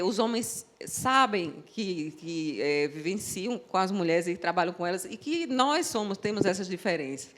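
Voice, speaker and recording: A woman on a panel telling a workplace story with animated energy and frequent repetitions. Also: mid-range voice. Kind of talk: anecdotal storytelling in a panel talk.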